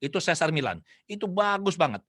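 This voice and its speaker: A middle-aged man talks about raising children over a video call, acting out a mother and child as he tells his stories. His voice sits a little high. The sound is close and dry, with no room around it. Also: fairly quick, dry recording. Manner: animated storyteller, acts out a mother and child in dialogue. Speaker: parenting seminar speaker. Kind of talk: parenting talk on a video call.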